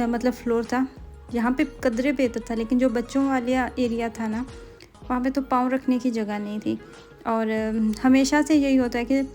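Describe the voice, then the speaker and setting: A woman in her thirties from Pakistan with a Pakistani Urdu accent, narrating her family shopping trip in a casual vlog voice-over and often pausing to search for words. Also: fairly high pitch, warm tone. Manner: chatty, rambling with frequent hesitations. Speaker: vlogger.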